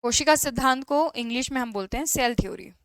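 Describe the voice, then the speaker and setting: A high, bright woman teaching an online class with a smooth, clear voice. She explains in Hindi and reads English questions aloud slowly. The recording is dry and close. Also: dry recording. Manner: answers student chat questions by name.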